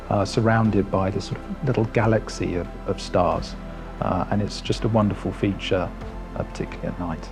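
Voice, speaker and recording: A man giving a product walkaround as a company presenter, speaking in a measured, explanatory way. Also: fairly low pitch.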